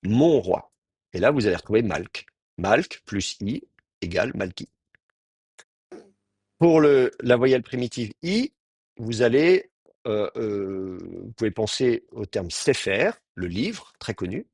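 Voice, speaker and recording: A man lecturing a language class in a patient, explanatory way, often restarting his sentences mid-thought. His voice sits a bit low and sounds slightly husky. The sound is very dry. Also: very animated, slow pace, darkish tone, no room sound. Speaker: teacher. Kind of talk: Hebrew grammar lecture.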